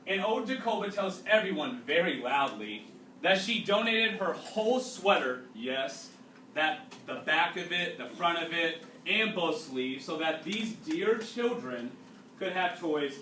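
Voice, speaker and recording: In a classroom, a man reads a storybook to his pupils as their teacher, breaking off for explanatory asides and questions that test their understanding. He sounds animated, fairly high, and sharp-toned, captured on a distant mic in a roomy space with faint background noise.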